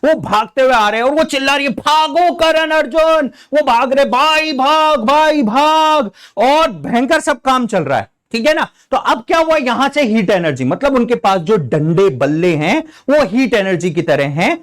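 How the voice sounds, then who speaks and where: A man's voice: very high voice, sing-song, normal speed, few pauses. A young Indian man teaching a school science lesson, playful and theatrical, acting out film lines and sound effects. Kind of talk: playful classroom lesson with demonstrations.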